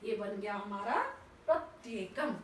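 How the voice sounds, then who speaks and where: A woman teacher slowly and patiently spelling out words sound by sound, asking and answering her own questions. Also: medium pitch, animated, far from the mic. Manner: slow, patient, spells out each sound step by step. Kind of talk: classroom lesson explaining spelling. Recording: echoey room, voice off-mic, faint background noise.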